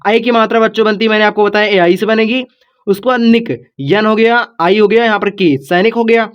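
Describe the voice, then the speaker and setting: A man's voice: sits high, steady tone, fairly quick, smooth. A man teaching a video lesson, patiently repeating each step and talking to his viewers as if they were kids. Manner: patient, repetitive explaining, addresses viewers as kids. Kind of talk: classroom-style video lesson. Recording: dull lo-fi recording.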